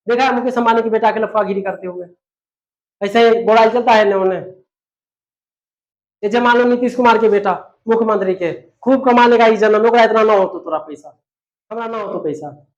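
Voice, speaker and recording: High-pitched scolding teacher. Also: male voice, highs cut off. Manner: scolding, lecturing, rhetorical questions. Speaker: English teacher. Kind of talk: motivational classroom lecture.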